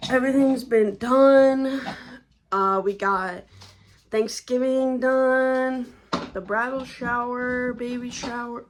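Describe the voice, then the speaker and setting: A woman's voice: on the high side, steady tone, slow, slight background noise. A young woman vlogging a casual update about her pregnancy, chatty and slangy, and out of breath from being heavily pregnant. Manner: chatty, slangy, laid-back.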